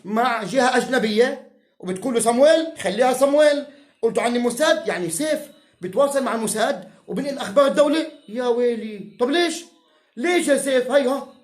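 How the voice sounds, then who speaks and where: A man with a Palestinian Arabic accent rants to camera in a fierce, insulting, mocking way. His voice sits high for a man. It rings around an echoey room. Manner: heated, insulting and profane, mocking. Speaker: self-styled political commentator. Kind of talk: angry rant to camera.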